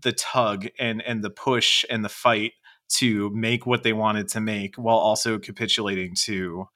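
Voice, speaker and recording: A man co-hosting a podcast, talking casually in quick bursts. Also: on the low side, flat delivery, sharp tone. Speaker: podcast co-host. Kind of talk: casual panel discussion.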